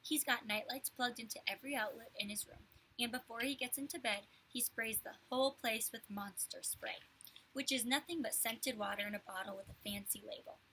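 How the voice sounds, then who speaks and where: A woman's voice: on the high side, brisk, sharp tone, slight background noise, low-quality recording. A woman voicing an exasperated preteen older brother who speaks in a sarcastic, matter-of-fact way. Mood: knowing.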